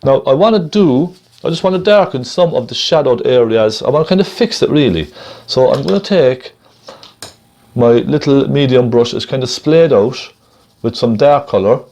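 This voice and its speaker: A man with a medium-pitched, expressive voice walks through a painting one step at a time. Gentle and encouraging, he muses aloud at a relaxed pace while he paints.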